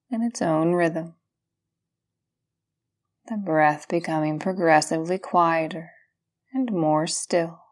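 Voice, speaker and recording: A low-voiced woman guides a yoga nidra meditation. She gives calm, unhurried instructions in a gentle, soothing way, pausing between phrases.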